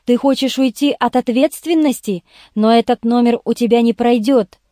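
A woman's voice: on the high side, fairly even intonation, moderate pace, dark tone, no echo, studio quality, natural voice. A woman reading the lines of a blunt male journalist questioning a suspect in an audiobook. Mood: interrogating. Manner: harsh, interrogating.

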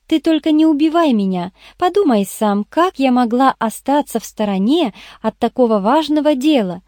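A woman's voice: high voice, animated, normal speed, a little mellow, no room sound, clean studio sound, pitched above the performer's own voice. A woman voicing a young female detective's assistant who purrs and pleads in a coaxing way in an audiobook. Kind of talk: audiobook character voice.

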